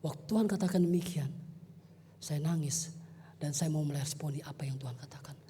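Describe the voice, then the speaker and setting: A man preaching a youth service sermon in a church hall, telling personal stories in an animated way and joking with his listeners. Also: fairly high pitch, brisk, a little hiss or hum.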